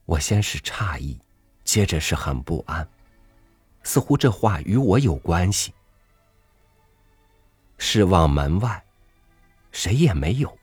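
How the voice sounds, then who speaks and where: A man narrating a literary story in a measured, reflective reading. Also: low voice, sing-song, slightly rough, no echo, soft background music.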